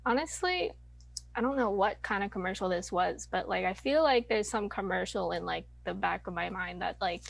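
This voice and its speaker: A woman's voice: medium pitch, moderate pace, creaky, rough recording. Hesitant nineteen-year-old woman, trailing off. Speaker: interviewee. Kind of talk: casual interview over video call. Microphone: video call.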